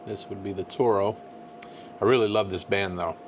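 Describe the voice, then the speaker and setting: A man in a laid-back, halting conversation, giving a casual review as co-host of a cigar show. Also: on the low side, steady tone, background noise.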